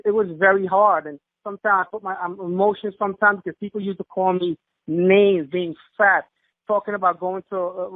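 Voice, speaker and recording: A man's voice: high voice, dry recording. A man calling in on a phone line to give a fervent, emotional testimonial, with repeated emphatic phrases. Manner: fervent, repetitive, preacher-like emphasis. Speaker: caller giving a testimonial. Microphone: telephone.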